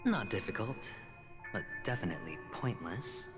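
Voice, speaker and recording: A man's voice: lowish voice, very animated, moderate pace. A man playing a defiant, reckless young gambler in a video game, speaking with confident, sardonic theatricality. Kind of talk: dramatic video game dialogue. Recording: long hall reverb, loud game music.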